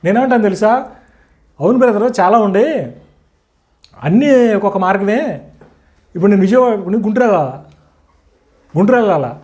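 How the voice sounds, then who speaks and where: A man with a notably high voice leads an interactive teaching session. He keeps checking his listeners with rhetorical questions. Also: expressive, fairly quick, pauses often, a little mellow. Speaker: teacher addressing a group.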